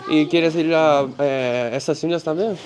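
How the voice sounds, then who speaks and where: Pitched fairly high and moving at a moderate pace, this Japanese travel vlogger's voice carries over a background crowd. He's filming a handheld vlog outside a migrant shelter near railway tracks, talking upbeat with people in basic Spanish and English.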